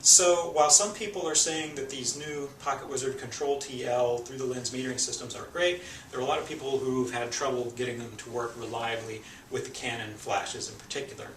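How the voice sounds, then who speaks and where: A man's voice: medium pitch, steady tone, brisk, hardly any pauses, a bit bright, slight background noise. A male photography instructor giving an informal, conversational gear review, explaining as he goes and a little out of breath. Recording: echoey room, mic at a distance.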